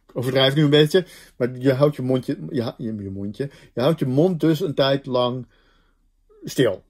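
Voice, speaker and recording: A man's voice: mid-range voice, unhurried, a little mellow. A man giving a recorded linguistics lecture, explaining step by step and thinking aloud with many fillers and restarts.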